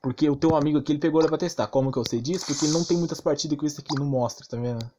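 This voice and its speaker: Speaking very fast at a fairly high pitch, this Brazilian-accented gaming YouTuber argues his point over and over in slang-heavy, casual commentary. Background noise is audible.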